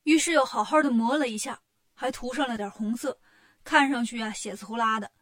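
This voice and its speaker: A woman narrating a children's story in a lively, colloquial way. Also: on the high side, brisk.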